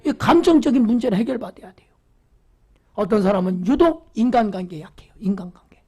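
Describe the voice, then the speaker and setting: Husky-voiced pastor preaching fervently. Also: medium pitch, animated, fairly quick. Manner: fervent preaching, swinging from loud exclamations to hushed whispers; repeats phrases for emphasis, asks the congregation rhetorical questions. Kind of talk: Wednesday church sermon.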